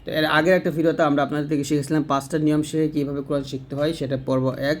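A man with a Bangladeshi Bengali accent gives a step-by-step reading lesson, sounding out each syllable slowly and repeating it in drills. His voice sits a little high for a man. He talks straight to home learners in a patient, plain teaching tone. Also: flat delivery.

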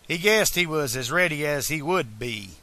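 A man reading a novel aloud as a fan audiobook narrator, in a slow, deliberate way. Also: a little high, lively intonation, sharp tone.

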